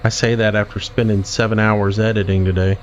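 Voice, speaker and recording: A man streaming a game and casually answering chat questions in a relaxed, drawling way. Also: fairly low pitch, brisk. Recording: dull lo-fi stream audio with faint vehicle noise.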